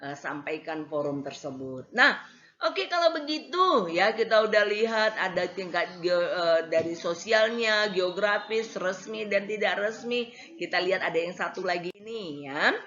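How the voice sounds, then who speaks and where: A woman's voice: on the low side, lively intonation, unhurried, a bit bright. Hesitant woman lecturer, dull recording. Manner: hesitant, many fillers, acts out examples. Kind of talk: casual classroom lecture.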